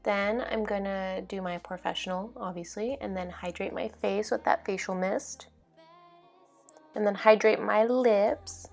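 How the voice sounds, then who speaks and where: A young woman vlog host narrates her makeup routine in a chatty, informal way, with music playing behind her. Her mid-range voice has fairly even intonation, vocal fry, and a measured pace.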